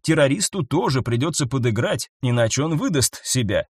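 A man voicing a curt, stern private detective who speaks slowly and commandingly. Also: mid-range voice, animated, breathy edge, no echo, studio quality. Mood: deliberate. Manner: slow, clipped, commanding.

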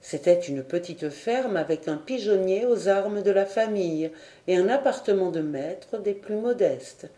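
A woman reading a classic storybook aloud in a calm, measured narration. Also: medium pitch. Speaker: audiobook reader. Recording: roomy echo.

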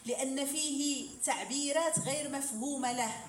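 High-voiced woman lecturing in a roomy hall. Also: normal speed. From Morocco. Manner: explains with examples and rhetorical questions. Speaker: lecturer in hadith sciences. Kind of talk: classroom lecture. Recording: roomy hall, voice from far off, faint noise.

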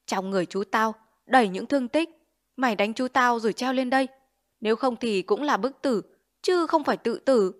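A woman's voice: medium pitch, moderate pace, natural voice. A woman voicing a greedy, bullying male village chief who sneers and makes threats in a Vietnamese storybook reading. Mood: menacing. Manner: blustering, sneering, extorting.

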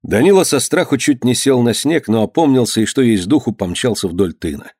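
A man's voice: medium pitch, brisk, breathy edge, no room sound, clean studio sound. A man narrating a historical novel in a storyteller's manner. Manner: expressive storytelling, acts out characters. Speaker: audiobook narrator.

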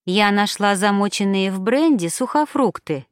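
A woman reading an audiobook, voicing a motherly older cook woman who fusses and chides slowly. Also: mid-range voice, expressive, clear, resonant tone, dry recording, clean studio sound, close to an everyday voice. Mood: fussing.

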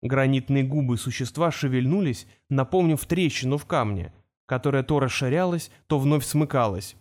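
A man narrating a fantasy story in a steady, expressive reading. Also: mid-range voice, moderate pace. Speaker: audiobook narrator.

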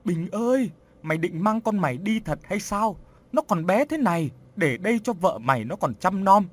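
Male narrator doing a sorrowful old grandmother, sobbing, pleading, husky voice, lively pitch swings. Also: normal speed. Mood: wailing. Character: grieving old village grandmother.

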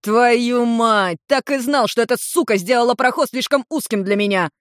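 A storyteller voicing a foul-mouthed, furious male dragon in human form who yells and curses. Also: medium pitch, normal speed, dry recording, clean studio sound, pitched above the performer's own voice, natural voice. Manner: shouting, cursing.

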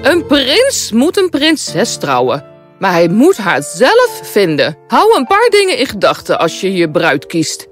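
A woman's voice: mid-range voice, huge pitch swings, measured pace, soft background music. An actress playing a possessive, haughty queen mother in a storybook tale, stately and disapproving. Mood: instructive, stately. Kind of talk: storybook voice acting.

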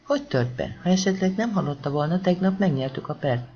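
A sharp-tongued female radio host, snappy and impatient, in a thriller audiobook, as a male narrator puts her on. The lines rise a little higher than the narration, on a slightly muffled lo-fi recording. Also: animated.

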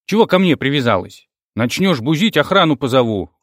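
A man's voice: mid-range voice, very animated, brisk, dry recording, studio quality. A man reading an audiobook, voicing a stout, blunt middle-aged building manager who grumbles. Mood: gruff. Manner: gruff, unbothered and grumbling.

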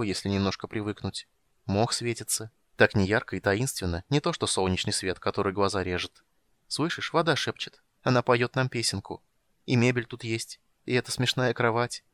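A man's voice: moderate pace, a bit bright, dry recording, close to an everyday voice. A man reading an audiobook, voicing an impulsive, passionate young woman in a raised voice. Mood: tender. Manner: raises pitch to voice a young woman, earnest and emotional. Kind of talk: audiobook character voice.

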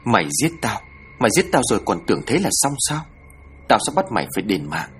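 A man voicing the ghost of a little girl, with a shrill childlike wail, pleading and then vengeful. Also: big pitch swings, quick pace, fairly bright tone, a little hiss or hum.

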